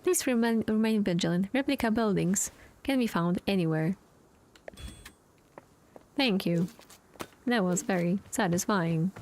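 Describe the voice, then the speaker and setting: A woman's voice: medium pitch, unhurried, pauses often, a little hiss or hum, lightly acted. A woman doing a stiff robotic customer. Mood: stiff formal. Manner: flat robotic formal delivery. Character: stiff formal café customer giving a presentation. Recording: music playing behind.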